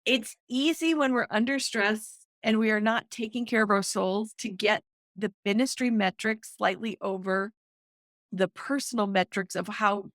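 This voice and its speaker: A middle-aged woman, a guest author and counselor, explaining with excited emphasis in a podcast interview. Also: mid-range voice, moderate pace, no echo, studio quality.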